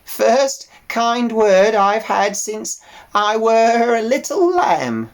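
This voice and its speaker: A man voicing a mournful old female sheep with a slow, drawling dialect, in an audiobook. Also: high-pitched, big pitch swings, pitched above the performer's own voice, full character voice. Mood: grumbling. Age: older. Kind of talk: audiobook character voice.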